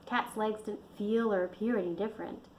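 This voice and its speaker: A woman reading her own book aloud in a steady storytelling manner. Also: medium pitch, moderate pace, slight background noise, low-quality recording. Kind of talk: audiobook narration.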